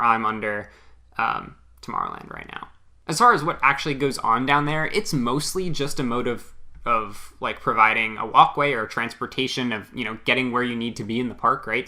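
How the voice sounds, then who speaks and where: A man's voice: mid-range voice, sharp tone. A young man co-hosting a casual chat show, rambling along with dry jokes. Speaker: podcast co-host, former theme park worker.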